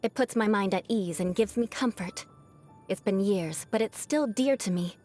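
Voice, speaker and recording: For a video game, a woman performs the scripted lines of a proud young aristocratic knight whose haughty, formal teasing and vengefulness mask a caring heart. She uses a natural, mid-range, darkish voice at a moderate pace, sounding proud and reflective, with soft music behind.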